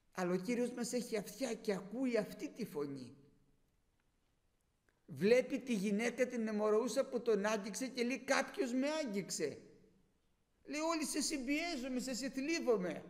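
High gravelly preacher in an echoing hall. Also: male voice, a little mellow. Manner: preaching with rising cries on quoted prayers. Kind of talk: sermon.

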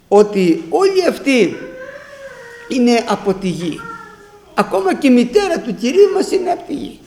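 A man's voice: sits high, creaky. A man preaching a sermon to his congregation, emphatic and repeating his phrases, quoting scripture as he goes. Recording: roomy echo.

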